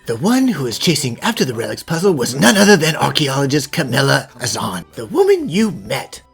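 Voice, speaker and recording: A man voicing a composed, thoughtful gentleman professor who explains things formally in an animated fan dub. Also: medium pitch, fairly quick, gravelly, faint music behind, heavily acted. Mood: grave. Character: gentlemanly puzzle-solving professor, thoughtful, devoted father.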